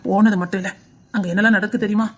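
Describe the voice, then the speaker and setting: A woman playing a quick, calm male politician. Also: mid-range voice, lightly acted. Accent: Tirunelveli Tamil. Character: calm middle-aged male politician, sympathetic.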